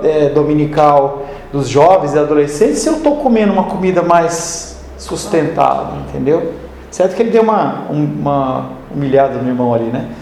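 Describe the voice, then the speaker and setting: A man's voice: sits high, a little mellow. A man preaching a sermon in a conversational way, mixing scripture with homely stories. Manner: conversational, tells homely anecdotes. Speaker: pastor. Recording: echoey hall with faint noise.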